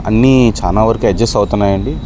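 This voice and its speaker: A man giving excited cricket commentary outdoors, repeating short phrases as he calls the play. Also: lowish voice, fast talker. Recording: outdoor crowd noise behind.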